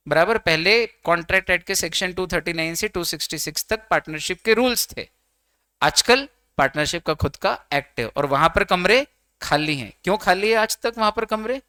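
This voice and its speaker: Bright-voiced chatty male law teacher. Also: high-pitched, smooth, no echo, studio quality. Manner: chatty and teasing, mixing English terms into explanations. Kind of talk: online exam-prep lecture.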